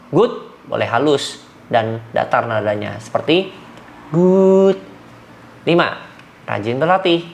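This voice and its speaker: A man, a dog trainer giving numbered training tips and acting out sharp commands. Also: mid-range voice. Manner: numbered points, demonstrates commands with sharp shouts.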